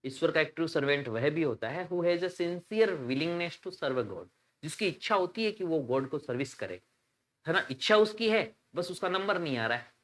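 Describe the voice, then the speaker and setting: A man with an Indian accent teaching English poetry in an exam-prep lesson, explaining slowly and reading poem lines in a drawn-out way. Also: on the high side, expressive. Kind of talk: exam-prep lecture in Hindi mixed with English.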